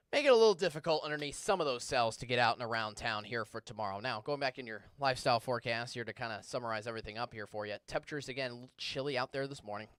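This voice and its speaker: A man delivering a studio weather forecast, chatty and energetic, leaning hard on the words that matter. His mid-pitched voice sounds dry and close, with no room echo. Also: clear, resonant tone. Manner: energetic, conversational, stresses key words. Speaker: TV meteorologist.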